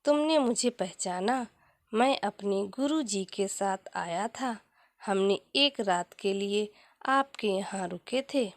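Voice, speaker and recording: A woman voicing a respectful, conscientious male disciple in a motivational story, with plain, measured delivery. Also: medium pitch, dry recording, studio quality. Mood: earnest.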